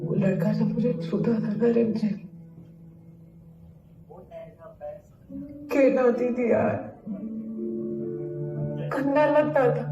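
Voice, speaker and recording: A blunt, exasperated PT teacher. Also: female voice, high-pitched, lo-fi sound. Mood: wistful. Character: frank, stubborn woman PT teacher, young adult. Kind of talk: film dialogue. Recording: echoey, distant film audio with loud music.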